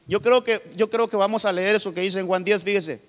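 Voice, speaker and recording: A man's voice: sits high, fairly even intonation, a little fast. A male pastor from Honduras preaching a sermon with emphatic delivery, often calling out to his listeners directly. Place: church hall. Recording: long hall reverb.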